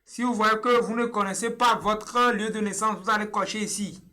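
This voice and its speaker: A young man from Togo with a bright, high-pitched voice guides viewers through filling in a form on screen. He explains each step patiently and repeats himself, pausing often with small hesitations. He is recorded on a webcam in a small indoor room. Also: fairly even intonation. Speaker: online tutorial presenter. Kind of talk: screen-share tutorial walkthrough.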